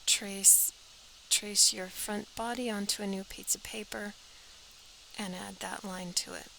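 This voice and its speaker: A woman's voice: mid-range voice, level tone, unhurried, creaky, sharp tone, a little hiss or hum, poor audio. A woman teaching a step-by-step sewing pattern drafting tutorial, practical and talking as she works, often dropping to an airy half-whisper.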